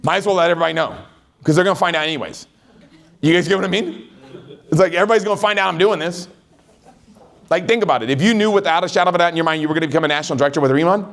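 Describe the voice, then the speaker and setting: A middle-aged man giving a motivational sales training talk as a network marketing trainer, an energetic storyteller who keeps checking in with his audience. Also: a little high.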